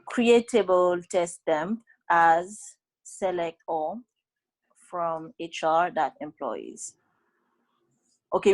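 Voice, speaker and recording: A woman's voice: fairly low pitch, low-quality recording. A woman walking classmates through a database exercise step by step, checking in with them often and correcting them bluntly. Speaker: student tutor leading a database class session.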